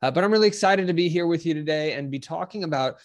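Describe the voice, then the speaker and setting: A man's voice: a little high, fast, lo-fi sound. A man, perhaps in his thirties, hosting his channel and explaining a business tutorial in a casual, upbeat way with lots of "uh" fillers, his voice a little congested. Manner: upbeat, chatty with frequent fillers. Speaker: channel host.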